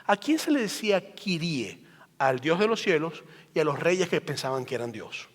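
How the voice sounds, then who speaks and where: A man's voice: a little high, big pitch swings, moderate pace. A man pastor delivering a sermon, emphatic and rhetorical, building his points through repeated phrases. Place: church sanctuary. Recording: long hall reverb.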